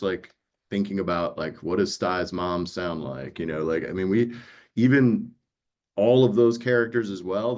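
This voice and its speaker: His voice sits low and has a darkish tone. He's a New York audiobook producer in a relaxed panel conversation, acting out pieces of dialogue as he tells stories.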